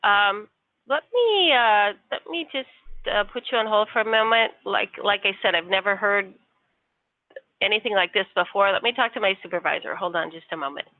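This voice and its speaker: A woman in customer service answers politely and patiently, with some hesitation, in a medium-pitched voice at normal speed. The audio is a tinny, dry phone line, recorded through a phone.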